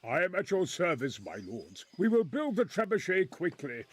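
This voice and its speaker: This is a male actor in a dramatic video game role: an anxious former crusader, now a middle-aged military engineer. He delivers earnest, archaic-sounding lines in a high-pitched, sing-song voice at normal speed.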